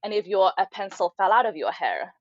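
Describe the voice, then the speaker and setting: A woman born in Nigeria speaks as a podcast guest, laying out her points in an earnest, measured way. Her voice comes through muffled and a little lo-fi. The room sounds dry and close. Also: medium pitch, animated, no room sound. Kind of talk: conversational podcast interview.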